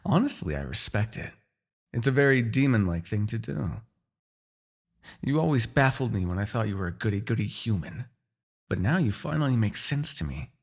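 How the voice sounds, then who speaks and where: A man plays a centuries-old demon king in a fantasy ASMR audio roleplay drama, with a raspy, lowish voice that swings widely in pitch at a moderate pace. The menace is proud, bitter and sardonic, while the mood stays wry and musing.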